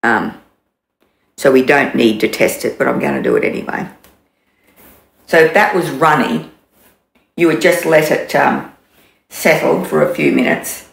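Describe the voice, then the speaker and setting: A woman's voice: rumbling low, big pitch swings, gravelly. A woman in her sixties with an Australian accent, casually demonstrating a recipe in her home kitchen with lots of ums. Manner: chatty, unhurried, many ums and restarts. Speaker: cooking demonstrator. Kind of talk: casual cooking demo. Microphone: camera in front, mid distance. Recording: echoey kitchen, faint background noise.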